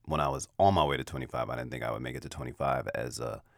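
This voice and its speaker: Very deep-voiced man, 50, dry sound. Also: very fast, gravelly, no room sound. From United States. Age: 50s. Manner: relaxed, self-deprecating, reflective. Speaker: podcast host. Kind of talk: casual personal storytelling.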